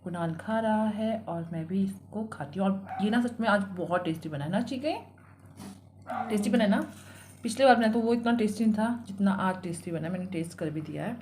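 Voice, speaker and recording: A woman from India chatting casually in a family vlog, homely and quick to laugh, with a slight cold leaving her throat a little rough. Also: medium pitch, a little mellow, reverberant, a little hiss or hum. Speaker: family vlogger. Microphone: phone camera.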